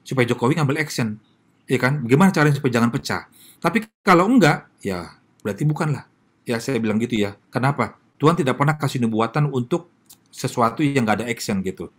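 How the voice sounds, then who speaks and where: A man's voice: medium pitch, expressive, fast talker. A man with an Indonesian accent, a pastor giving a casual sermon and answering questions, talking straight to his listeners with many tag questions.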